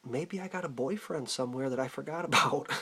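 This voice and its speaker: A man casually telling a personal story in a deadpan, conversational way. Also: medium pitch, a little fast, husky.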